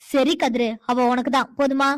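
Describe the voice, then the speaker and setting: A woman's voice: high-pitched, little pitch movement, moderate pace, no room sound, natural voice. A woman doing a domineering cartoon mother. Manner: scolding, commanding. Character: domineering scheming mother of a grown son. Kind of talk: cartoon voice acting.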